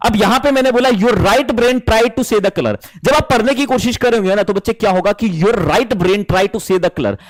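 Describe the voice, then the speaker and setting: A man teaching an online class, lively and animated, mixing Hindi and English. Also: on the high side.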